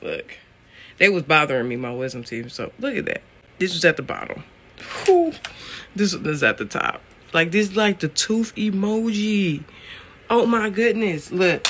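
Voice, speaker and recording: A man's voice: sits high, big pitch swings, unhurried, pushed and bright, slight background noise. A man in his late twenties chatting animatedly to his viewers in a casual vlog, calling them y'all. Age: late 20s. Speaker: vlogger.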